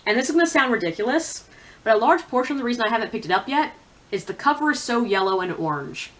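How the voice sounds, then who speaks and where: Talking fast in a fairly high, lively voice with a bit of brightness, a book reviewer chats informally about books for her video channel. She's frank and drops in opinionated asides. The recording quality is rough.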